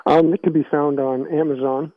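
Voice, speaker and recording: A man giving reflective interview answers in halting, measured phrases over a narrow phone line. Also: a little high, flat delivery, no room sound. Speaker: interview guest, author. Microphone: phone call.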